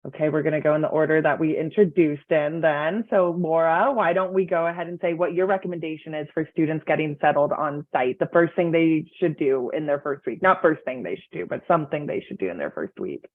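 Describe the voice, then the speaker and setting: A moderator runs a webinar panel over a video call, friendly and organized, inviting each speaker in turn. The medium-pitched voice moves a little fast with few pauses and no echo, heard through tinny, phone-like audio.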